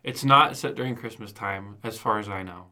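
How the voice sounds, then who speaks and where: Young guy cohosting a movie podcast, bright sharp voice, playful, laughs a lot. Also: fairly low pitch, normal speed. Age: young adult. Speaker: podcast co-host. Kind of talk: casual movie review chat.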